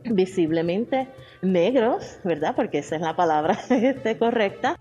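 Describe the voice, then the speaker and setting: A woman's voice: mid-range voice, expressive, a little slow, dark tone, lo-fi sound, soft background music. A woman with a Puerto Rican accent telling personal experiences casually in an interview, often seeking agreement. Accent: Puerto Rican Spanish. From Puerto Rico. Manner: conversational, seeks agreement with tag questions. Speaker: art educator being interviewed.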